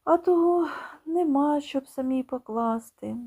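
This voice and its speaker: A woman's voice: high voice, measured pace, warm tone, voice pushed up. A woman voicing a scornful village aunt who speaks falsely sweet and mocking. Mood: coaxing.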